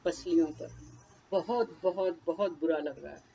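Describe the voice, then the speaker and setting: A woman's voice: on the low side, a little slow, creaky, warm tone, highs cut off, slight background noise. A woman leading a guided tapping session, naming each body point and then speaking a short first-person phrase for the listener to repeat.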